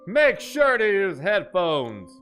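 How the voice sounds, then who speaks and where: A high-pitched man in his thirties hosts a live gaming stream with loud, jokey hype. He greets chat by name and now and then drops into a deep mock-spooky voice. Soft music plays faintly behind him. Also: wildly swooping pitch, slow. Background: faint game music.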